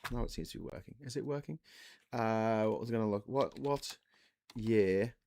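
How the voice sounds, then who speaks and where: A man's voice: fairly low pitch, normal speed, gravelly, a little mellow, a little hiss or hum. Chatty man in his forties, rambling. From England. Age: 40s. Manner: rambling, self-correcting, chatty with the chat. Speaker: livestream host. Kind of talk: casual live-stream chat.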